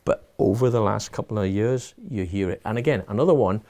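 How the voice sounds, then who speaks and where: Gravelly low-voiced man, reflective. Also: brisk, warm tone. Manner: thoughtful, restarts and repeats words, offers homely advice. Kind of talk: reflective casual conversation.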